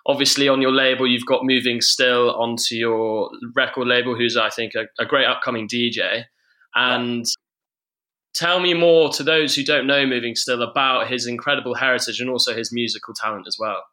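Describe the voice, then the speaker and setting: A man's voice: medium pitch, bright, forceful tone. A man hosting an interview, introducing music and asking his guest questions with enthusiasm. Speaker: host. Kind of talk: radio-style interview hosting.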